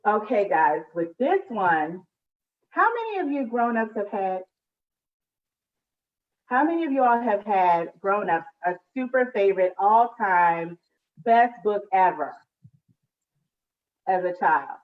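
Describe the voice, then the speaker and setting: Hosting a live children's read-aloud from home over a video call, a woman chats with families at storytime in a medium-pitched, sing-song voice, speaking slowly with long pauses. The room is echoey and the mic sounds distant and muffled.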